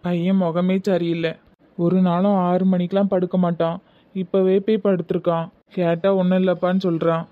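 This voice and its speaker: A man's voice: high voice, level tone, normal speed, dry recording, close to an everyday voice. A man voicing a worried village father. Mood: troubled. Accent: Tirunelveli Tamil. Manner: soft, brooding self-questioning. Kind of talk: cartoon voice acting. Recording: tinny phone-like sound.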